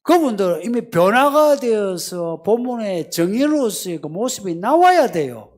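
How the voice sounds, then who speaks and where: A male pastor preaching a conversational sermon, often acting out short quoted prayers and pleas in a softer voice. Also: high voice, sing-song, moderate pace.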